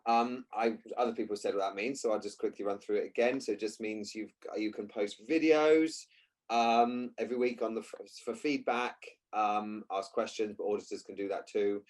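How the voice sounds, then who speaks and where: A man's voice: fairly low pitch, steady tone, normal speed. A man hosting a casual interview, talking in a teasing, jokey way. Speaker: host, agility coach.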